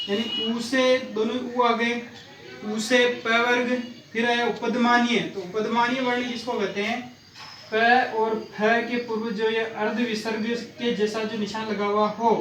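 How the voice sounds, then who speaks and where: A high-pitched man gives an exam-prep lesson. He recites grammar rules in a slow, chanting way and drills the likely questions again and again. His voice echoes around a room, some way off the mic, with faint ambient noise behind. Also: a bit bright, recorded from a distance. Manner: methodical, repeats exam questions and answers; chants Sanskrit sutras slowly. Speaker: Sanskrit grammar teacher.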